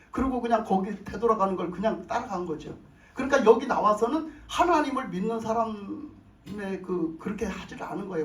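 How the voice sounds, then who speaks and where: A male pastor telling a testimony in his sermon, in an animated, emotional way. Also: high-pitched. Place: church sanctuary. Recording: roomy echo, mic at a distance.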